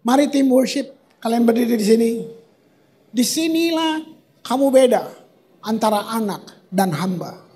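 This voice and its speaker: Man, pastor, lively sermon, playful, slangy, rhetorical questions, church service. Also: very high-pitched, a little slow, long pauses. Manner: acts out sounds and cries for emphasis. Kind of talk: lively evening prayer sermon.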